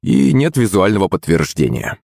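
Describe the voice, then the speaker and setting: A man reading an audiobook, voicing an eager, brisk young official who talks in quick, excited bursts. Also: sits low, gravelly, no echo, studio quality, exaggerated voice.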